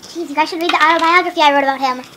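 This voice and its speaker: High-voiced joking girl, noisy camera audio. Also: fairly even intonation, rapid-fire. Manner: joking, teasing, giggly. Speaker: vlogger. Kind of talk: casual silly chat with a friend. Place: a house, indoors. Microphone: camera mic. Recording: noisy home camera recording.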